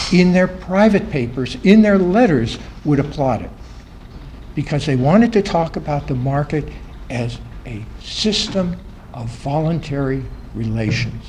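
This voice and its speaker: Male panel speaker with a slightly high voice, lecturing a live audience. His phrase endings fade, and he repeats points for emphasis. Faint room noise. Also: rough recording. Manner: voice drops and trails off at the ends of phrases; emphatic repetition of key phrases. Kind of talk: academic talk to a live audience. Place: conference room.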